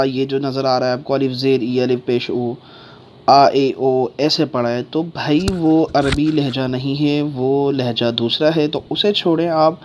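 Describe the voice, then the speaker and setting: A man giving an online Qur'an reading lesson who keeps checking in with his listeners and draws out letter sounds slowly. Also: on the high side.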